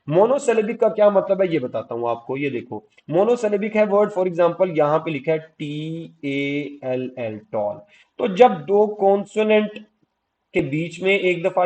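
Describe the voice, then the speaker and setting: A man from Pakistan with a Pakistani accent, teaching English grammar in an exam-prep lecture. He spells words out letter by letter, calls his students "beta" and reads the English rules slowly. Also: a little high, a little mellow, poor audio.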